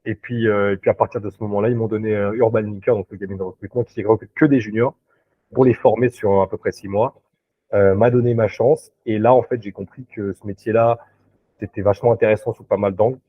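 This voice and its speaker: A man's voice: lowish voice, steady tone, fast, husky, no room sound. A man who works as a recruiter, talking as a guest in a casual interview over a video call, hesitant, with many fillers and restarts. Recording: dry tinny video-call audio.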